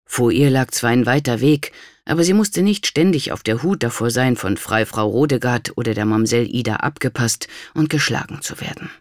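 A narrator reading a historical novel in an even, measured storytelling manner. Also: mid-range voice, no echo, studio quality. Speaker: audiobook narrator. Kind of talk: scripted narration.

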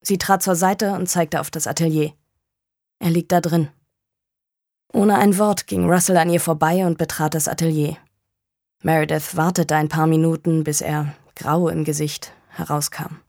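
A woman reading a crime novel aloud in a measured, grave storytelling manner. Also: low-pitched, level tone, a little mellow, no echo. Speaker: audiobook narrator. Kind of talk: scripted narration of a crime novel. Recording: dry close studio sound.

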